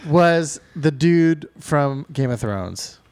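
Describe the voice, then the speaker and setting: A man's voice: fairly high pitch, animated, takes it slowly, a little mellow, clear, resonant tone. A man co-hosting a casual podcast chat, giving blunt, dismissive opinions. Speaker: podcast co-host.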